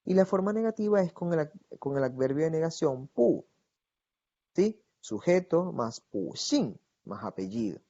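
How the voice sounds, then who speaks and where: A man gives a recorded Mandarin grammar lesson. He explains patiently, keeps checking in with his students, and slows right down to model each Chinese phrase. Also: fairly high pitch, very animated, mellow, lo-fi sound. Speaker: Mandarin teacher.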